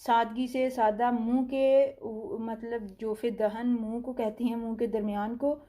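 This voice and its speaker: A woman with a Pakistani Urdu accent teaching tajweed step by step. She draws out letter sounds slowly, then explains them calmly. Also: on the high side. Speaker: Quran recitation teacher. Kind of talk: slow step-by-step tajweed lesson.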